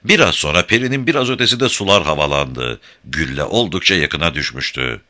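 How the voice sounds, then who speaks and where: A man narrating an adventure audiobook in a dramatic, expressive storytelling manner. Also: extremely low pitch, a little fast.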